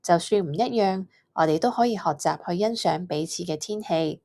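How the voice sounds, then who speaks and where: A woman with a Hong Kong Cantonese accent, presenting a scripted mindfulness lesson for children as a gentle emotion coach. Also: on the low side, fairly quick.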